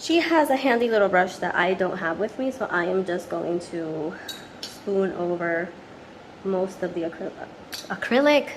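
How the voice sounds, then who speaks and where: A woman's voice: mid-range voice, a little hiss or hum, rough recording. A woman chatting casually and upbeat through a home cooking vlog, joking about her own results. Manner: chatty, upbeat, self-deprecating. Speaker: nail channel host trying a recipe. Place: home kitchen.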